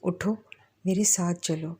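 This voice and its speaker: A woman voicing a calm, gentle man in a spoken story, measured and unhurried in her own voice. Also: fairly low pitch, husky.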